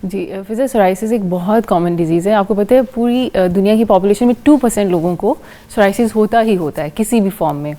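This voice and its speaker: A woman's voice: mid-range voice, few pauses, mellow. Patient Pakistani woman dermatologist explaining. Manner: patient, explanatory, uses everyday comparisons. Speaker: dermatologist guest. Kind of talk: explaining on a TV show. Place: TV studio.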